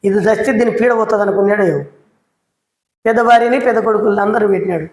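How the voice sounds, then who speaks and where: A man preaching a sermon in a prayer hall, emphatic and full of rhetorical questions. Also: very high voice. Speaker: church preacher.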